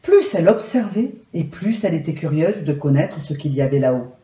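A woman telling a children's story aloud in a calm, measured and soft way. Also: low-pitched. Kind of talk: gentle read-aloud storytelling. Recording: roomy echo.

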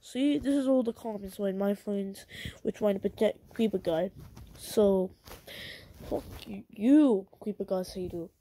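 A woman's voice: medium pitch, unhurried, mellow. A woman hosting her own channel, ranting angrily in repetitive slang and swearing a lot. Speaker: channel host. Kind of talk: angry ranting vlog.

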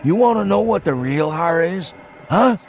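A man's voice: sits high, animated, normal speed, a little mellow, voice pushed up. A man voicing a terrified, ancient male townsman who talks in a rustic old-timer dialect, in an audiobook reading. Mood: urgent, ominous. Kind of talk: audiobook character voice. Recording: music underneath. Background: music.

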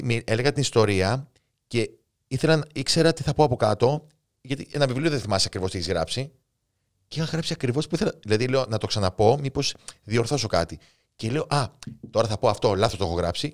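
A man's voice: mid-range voice, darkish tone. A man in his thirties with a Cypriot Greek accent, a guest author and coach speaking in a casual interview with an impulsive, emotional, spontaneous storytelling manner. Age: 30s.

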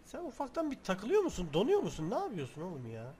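A young man giving casual let's-play commentary, excitable and chatty, talking to the game's objects with mock threats and sudden shouts. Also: sits high, quick pace, slight background noise. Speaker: gaming video host.

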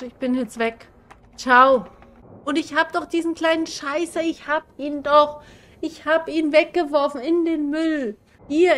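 A woman's voice: high voice, fairly bright tone. A young woman giving casual commentary on a horror game she is playing, jumpy and swearing, screaming at the scares. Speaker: gaming streamer.

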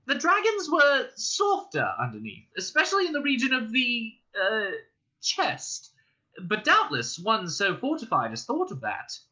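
A man voicing a small, frightened male hobbit who flatters nervously in a squeaky voice, in a storybook reading. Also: a little slow, breathy edge, exaggerated voice, rough recording.

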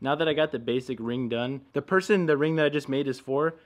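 A young man vlogging casually to camera from his home workshop and his car, relaxed and full of "like" fillers. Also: mid-range voice, brisk. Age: young adult. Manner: relaxed, talks straight to camera with frequent "like" fillers. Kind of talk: casual vlog narration.

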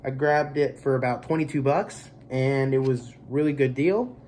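Stuffy from allergies, this twentysomething vlogger who collects movies chats casually through an unboxing, rambling with plenty of fillers in a relaxed way. He has a medium-pitched, warm voice at a moderate pace. The close webcam recording in his small bedroom carries a little hiss or hum.

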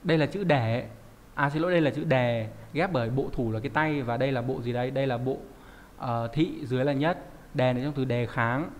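A man's voice: mid-range voice, a little fast, big-room sound, slight background noise. Man teaching kanji with rhetorical questions. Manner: chatty, asks the class rhetorical questions. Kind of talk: online lesson explaining kanji.

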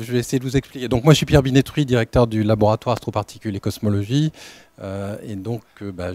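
A man giving an unscripted welcome talk as director of a research lab, halting, with many fillers and restarts. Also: fairly low pitch, mellow, no room sound. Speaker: lab director opening a training session.

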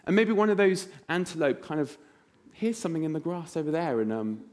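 A man preaching a sermon in church, telling vivid stories and acting out voices in a hushed tone. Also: fairly high pitch, big pitch swings, a little fast.

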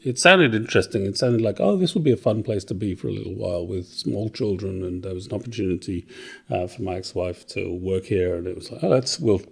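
A middle-aged Welsh man talking as a podcast guest. His voice sits fairly low, and he speaks hesitantly, pausing on fillers and restarting his sentences as he works out what to say. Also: creaky, breathy edge, faint music behind. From Wales. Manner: hesitant, thinks aloud with many fillers and restarts. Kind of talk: casual interview chat.

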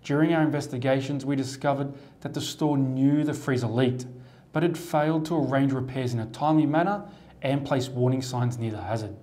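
Australian male lawyer, mellow tone, steady formal read-to-camera, lapel mic in studio. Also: medium pitch. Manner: measured, formal, steady delivery. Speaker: lawyer presenting a firm's explainer. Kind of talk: scripted explainer to camera. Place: studio set at a desk.

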